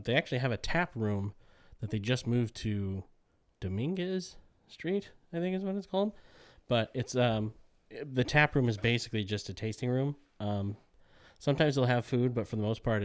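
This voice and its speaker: A man's voice: medium pitch, lively intonation, normal speed, dry recording. A man hosting a casual beer-tasting show, joking with his friend and reading out brewery facts. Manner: jokey, wordplay-loving, reads beer facts. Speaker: host. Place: home room with a new backdrop.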